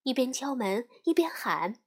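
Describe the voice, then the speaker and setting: A woman storyteller host narrating a fairy tale as a gentle bedtime story for children. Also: on the high side, very animated, takes it slowly, husky. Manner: gentle, addresses child listener.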